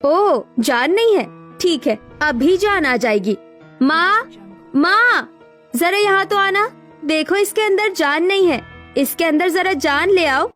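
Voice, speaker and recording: A cruel young woman in a dramatized moral story, sneering and scolding in a high, sharp voice as a woman acts her. Her sarcasm is biting. Faint music underneath. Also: normal speed, natural voice. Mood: scornful. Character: cruel, bossy young woman tormenting the bride.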